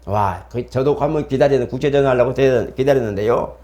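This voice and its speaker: A middle-aged male pastor delivers a sermon in an easy, conversational voice of ordinary pitch. He slips into the voices of the people in his stories, so his tone swings up and down as he preaches. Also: fast, warm tone.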